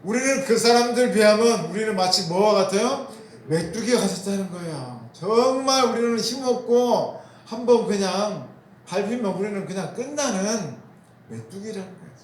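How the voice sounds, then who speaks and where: This preacher's voice sits high and expressive at normal speed as he delivers a sermon, asking the congregation questions he then answers and repeating key phrases for emphasis. There's slight background noise and a roomy echo.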